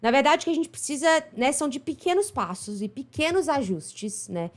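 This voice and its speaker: Her voice sits high and sounds very animated, and she talks briskly. An English pronunciation teacher from Brazil with a Minas Gerais accent, she chats her way through explanations in an online lesson, regularly checking with "right?".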